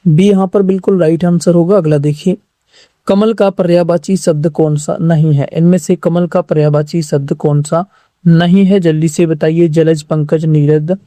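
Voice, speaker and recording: A man teaching an online exam-prep lesson who repeats every question and answer as a drill and keeps urging viewers to answer quickly. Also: a little high, steady tone, dark tone, dry recording.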